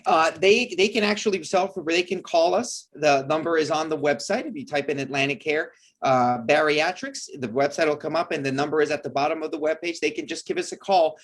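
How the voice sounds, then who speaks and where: Earnest Salvadoran-born surgeon, slightly high voice. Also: male voice, a little fast, a bit bright. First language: Spanish. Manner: earnest, enthusiastic, frequent restarts. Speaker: bariatric surgeon guest. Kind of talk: interview answers.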